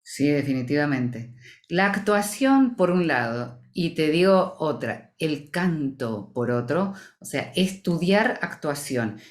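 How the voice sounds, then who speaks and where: A woman from Argentina speaks with a Rioplatense accent, her voice set quite low. She is a voice-over professional answering interview questions in an articulate, measured, explanatory way. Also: big pitch swings. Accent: Rioplatense Spanish. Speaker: voice-over professional, association president.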